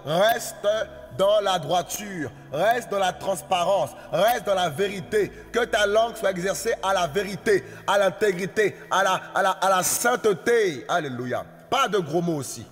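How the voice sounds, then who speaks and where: High-pitched preacher in a reverberant hall. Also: male voice, measured pace, few pauses. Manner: exhorting, repetitive, singsong preaching cadence. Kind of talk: sermon.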